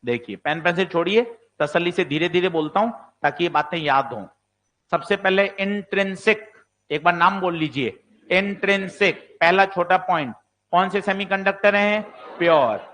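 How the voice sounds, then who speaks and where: A man's voice: sits high, moderate pace, a bit bright. A man teaching exam-prep physics, asking questions and answering them himself, sometimes playing a doubting student. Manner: plays the student voicing doubts.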